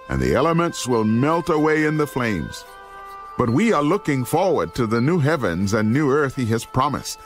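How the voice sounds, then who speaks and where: A man playing the solemn apostle Peter in a dramatized scripture reading, speaking with deliberate, oratorical weight. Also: mid-range voice, natural voice. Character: apostle Peter, solemn elder man warning his flock.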